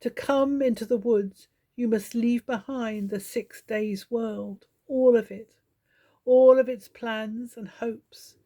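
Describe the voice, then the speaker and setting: Slow, soft-spoken woman reciting poetry. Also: on the high side, steady tone. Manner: soft-spoken, deliberate, with gentle pauses. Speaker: poetry reader and channel host.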